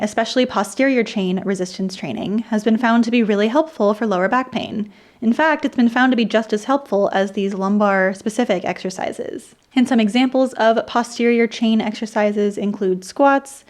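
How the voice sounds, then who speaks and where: A woman presenting an explainer video, her voice dry and croaky, dropping into vocal fry at the ends of sentences. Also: mid-range voice. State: dry, croaky, irritated throat. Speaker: host of an explainer video channel. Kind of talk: scripted explainer narration with personal asides.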